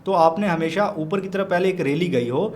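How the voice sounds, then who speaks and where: A man's voice: high-pitched, moderate pace, a little hiss or hum. A man from Pakistan, walking through trading charts as a teacher, chatty and repeating his points while he keeps calling the viewer brother. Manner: repeats points to drive them home. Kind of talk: chart walkthrough tutorial.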